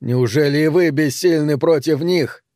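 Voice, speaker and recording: A man voicing a terrified adult man lost in a void, shouting and pleading in an audiobook. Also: on the high side, moderate pace, no echo, clean studio sound, voice pushed up, close to an everyday voice. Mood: frantic. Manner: shouting, frantic.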